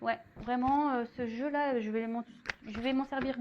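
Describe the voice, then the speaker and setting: A woman's voice: a little high, steady tone, normal speed, muffled recording, a little hiss or hum. A woman doing a casual tarot and crystal reading, chatty and full of asides to her viewers. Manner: chatty, many fillers, warm asides to viewers. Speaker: tarot reader. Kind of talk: casual spoken card reading.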